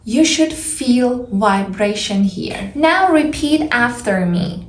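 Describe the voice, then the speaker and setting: A woman teaching English pronunciation in a scripted lesson, modeling speech in short, deliberate, exaggerated phrases. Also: a little high, expressive, roomy sound.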